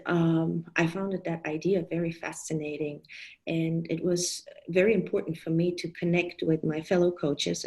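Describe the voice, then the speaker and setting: A woman's voice: on the low side, darkish tone, low-quality recording. A woman in her thirties who grew up in Germany, giving an online talk on parenting to fellow coaches, thoughtful, with frequent fillers and restarts. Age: 30s.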